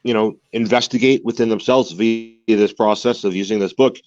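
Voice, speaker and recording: A man in his forties from the United States is a guest in a candid interview at his home in Mexico, speaking earnestly and repeating words as he searches for them. His lowish voice is a little mellow, with fairly even intonation and a normal speed. There is no echo, and the highs are cut off.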